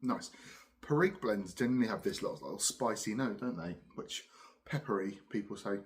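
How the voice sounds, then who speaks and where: A middle-aged man with a southern English accent, chatting casually and unhurriedly to camera, musing with pauses between puffs on a pipe. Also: lowish voice. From Cambridge, England. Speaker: pipe-smoking video host. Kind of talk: casual rambling solo chat.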